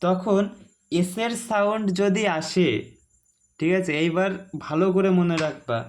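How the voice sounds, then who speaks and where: Guy w a highish voice explaining grammar rules, keeps checking in, repeats stuff a lot. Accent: Bengali. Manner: chatty, keeps asking "ঠিক আছে?"; explains slowly, repeating each rule. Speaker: grammar teacher. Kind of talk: casual online grammar lesson.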